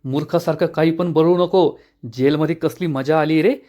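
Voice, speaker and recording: A man's voice: fairly high pitch, steady tone, normal speed, warm tone, natural voice. A man voicing an angry scheming woman villain in a retold TV serial, scolding sharply.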